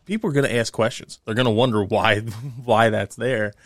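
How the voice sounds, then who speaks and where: A man chats casually. His voice sits fairly low, and the recording is close and dry, as on a co-hosted podcast. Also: normal speed, dry recording. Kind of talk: casual chat.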